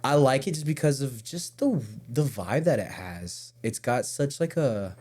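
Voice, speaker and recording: A man's voice: mid-range voice, lively intonation, unhurried, darkish tone. A man, a metal band vocalist, chatting loosely as a guest in a casual interview, often restarting mid-sentence.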